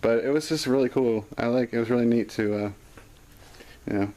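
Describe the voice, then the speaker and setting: A man's voice: mid-range voice, brisk, mellow. A man co-hosting a casual chat, telling rambling stories full of restarts and fillers and laughing along. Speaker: podcast co-host and gigging musician. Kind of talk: casual conversational storytelling.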